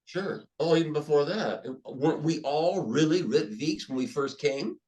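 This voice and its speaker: An older man, a podcast guest, speaking emphatically and telling stories with animated restarts. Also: on the high side, normal speed, poor audio. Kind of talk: conversational interview storytelling.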